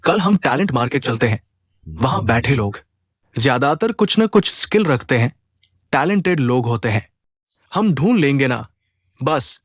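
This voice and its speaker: A man's voice: medium pitch, very animated, normal speed, long pauses, breathy edge, no room sound, dull audio. A man playing a fatherly middle-aged shopkeeper. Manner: fatherly and persuasive. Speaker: uncle figure and business partner. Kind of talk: dubbed drama acting.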